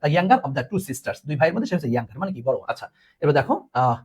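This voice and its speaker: Animated, husky man teaching. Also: on the high side, quick pace. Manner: animated, repeats words, asks students questions. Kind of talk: live online class.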